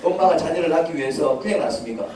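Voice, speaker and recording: Pastor preaching in an echoey church. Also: male voice, on the high side, expressive, quick pace, a little mellow, distant mic, slight background noise. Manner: conversational preaching with rhetorical questions. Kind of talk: sermon. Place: church sanctuary.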